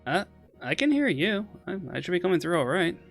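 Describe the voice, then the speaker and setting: A man's voice: high-pitched, very animated, brisk, gravelly, soft background music. Man on a muffled, tunnel-like voice call. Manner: hesitant, lots of "uh". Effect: muffled voice-chat audio that fades in and out, as if in an echoing tunnel. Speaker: tabletop game player. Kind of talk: casual online game chat. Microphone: online voice call.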